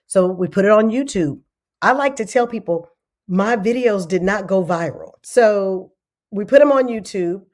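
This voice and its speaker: A middle-aged woman telling stories in a casual podcast interview, animated and lively. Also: medium pitch, moderate pace. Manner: animated, acts out other people's voices. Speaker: podcast guest.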